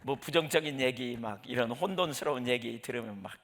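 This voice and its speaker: A man's voice: medium pitch, brisk, a bit bright. A middle-aged male pastor giving a conversational sermon, telling personal stories and acting out his own prayers.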